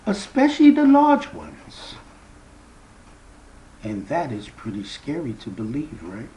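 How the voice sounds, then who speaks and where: A man speaks as the founder of a spiritual movement, addressing his viewers directly. His delivery is slow and deliberate, and his pitch swings widely as he leans hard into key words. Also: huge pitch swings, poor audio. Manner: slow, emphatic preaching with big swings in pitch and loudness.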